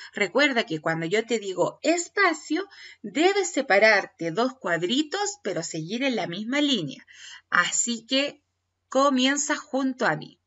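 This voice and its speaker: A woman's voice: on the high side, bright, forceful tone. A woman, a primary school teacher, leading a dictation lesson for parents and children. She gives patient, step-by-step instructions. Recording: dull lo-fi recording.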